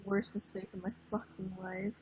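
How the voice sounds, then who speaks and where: A woman's voice: medium pitch, flat delivery, normal speed, a little mellow, poor audio. An eighteen-year-old woman chatting casually on a livestream, laid-back and swearing offhandedly. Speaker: livestream guest. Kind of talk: casual chat.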